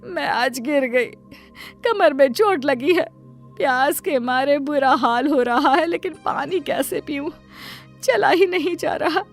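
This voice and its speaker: A long-suffering mother in a cartoon story defends and spoils her daughter, voiced by a woman. Her high voice is pleading and tender. Light music plays underneath. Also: animated, unhurried. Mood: pained. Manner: pleading, self-sacrificing. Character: devoted doting middle-aged mother, long-suffering.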